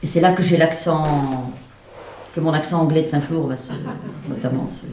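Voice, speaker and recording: A woman's voice: sits low, darkish tone, slight background noise. Woman author reading her stuff at a conference, echoey room, mic kinda far off. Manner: measured reading, playful asides. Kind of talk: public literary reading with chatty asides. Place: conference hall. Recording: echoey hall, distant mic.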